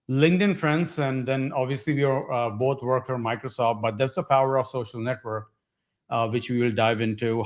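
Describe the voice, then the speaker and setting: Podcast host guy, halting, lots of uhs between words. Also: medium pitch. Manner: hesitant, many uh fillers and broken phrases. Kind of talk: casual podcast interview.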